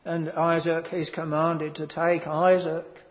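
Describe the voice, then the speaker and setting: A man preaching a sermon in a slow, earnest manner, pausing often and filling the gaps with ums. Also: fairly high pitch, little pitch movement, in a large hall.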